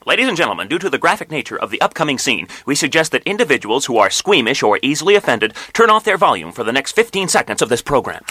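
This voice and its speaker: A man in a comic show making formal, apologetic announcements in a deadpan manner. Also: mid-range voice, fast talker, few pauses, a little hiss or hum. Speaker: performer in a comic Shakespeare show.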